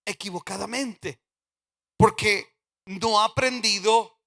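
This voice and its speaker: A man preaching a sermon as pastor, swinging from loud emphatic declarations to quiet, low asides. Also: slow, vocal fry. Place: church sanctuary. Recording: church hall with long reverb.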